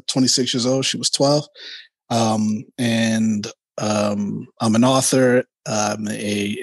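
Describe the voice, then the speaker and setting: Male guest, 40s, husky and measured, pauses to think, dry close recording. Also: medium pitch, dry recording, low-quality recording. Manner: thoughtful, hesitant with fillers. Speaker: guest, author and motivational speaker. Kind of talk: casual podcast interview.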